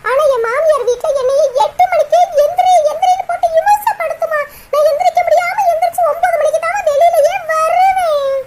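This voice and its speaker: A woman's voice: very high voice, fairly quick, hardly any pauses, darkish tone. A woman voicing a young married wife in a cartoon, complaining in Kanyakumari Tamil about her husband and mother-in-law. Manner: chatty, aggrieved storytelling. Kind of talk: cartoon voice acting.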